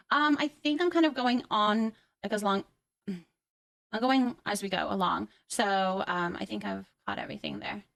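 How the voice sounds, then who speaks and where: A woman with a slightly high voice and no echo chats casually with her viewers as a livestreamer hosting a chat. She's effusive and affectionate, frequently repeating words and short phrases while thanking them.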